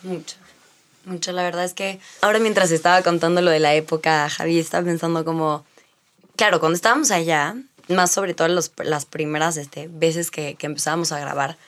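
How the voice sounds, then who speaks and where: A woman, an actress talking casually in an interview, animated and quick to laugh. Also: low-pitched. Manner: animated, laughs often, slips into playful accents.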